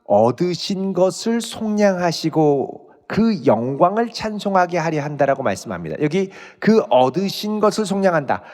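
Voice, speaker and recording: A male pastor reads scripture aloud in a church sanctuary and explains it verse by verse in an expository sermon. His voice is a little high and a little mellow, and the room gives it a long reverb.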